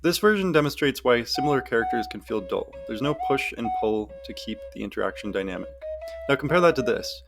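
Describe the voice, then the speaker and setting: A man's voice: mid-range voice, animated, fairly quick. A man giving a video lesson on storytelling and explaining with a few fillers. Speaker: writing instructor. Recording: flute music under the voice.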